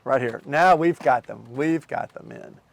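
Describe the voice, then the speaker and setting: A man's voice: mid-range voice, unhurried, gravelly, no room sound. A man running a camera shop, chatting casually in a rambling way, repeating himself and restarting.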